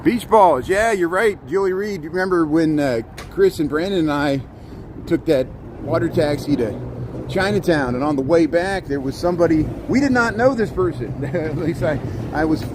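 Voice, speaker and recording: A man chatting casually on a livestream outdoors, rambling and halting, often repeating his words. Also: on the high side, lively intonation. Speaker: live streamer. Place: outdoors on a city riverwalk. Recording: outdoor livestream with clear city noise.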